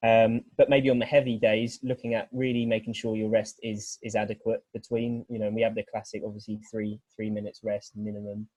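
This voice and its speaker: A British weightlifting coach talking through training ideas on a group video call, earnest and rambling, with many restarts. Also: male voice, fairly low pitch, flat delivery, a little fast, hardly any pauses, warm tone, no echo, dull audio. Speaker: weightlifting coach, guest speaker.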